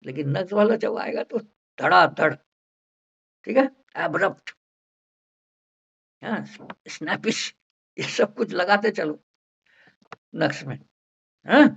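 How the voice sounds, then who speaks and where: A man's voice: sits high, animated, slow, gravelly, long pauses, fairly bright tone, husky. A man lecturing a class on homeopathy, mixing in English and constantly checking whether his students follow. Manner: mixes English into explanations. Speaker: homeopathy teacher. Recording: dull lo-fi recording.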